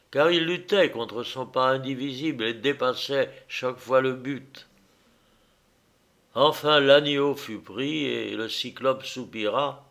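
A man narrating a literary tale in a measured, unhurried storytelling manner. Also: medium pitch. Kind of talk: literary audiobook reading.

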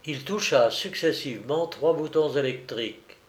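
A man reading an adventure novel aloud as narrator, in a slow, measured way. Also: a little high.

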